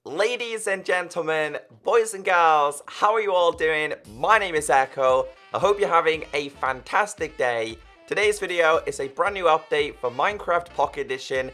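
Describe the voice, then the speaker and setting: Husky-voiced energetic gaming YouTuber man. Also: a little high, soft background music. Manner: upbeat, quick, chatty. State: losing his voice, husky. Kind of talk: energetic game update walkthrough.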